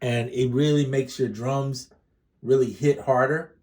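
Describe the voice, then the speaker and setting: Demonstrating music gear, a relaxed, mellow-sounding man chats in an unhurried, mid-range voice. He wanders off topic, fixes his sentences halfway through, leans heavily on fillers, and seems a little congested.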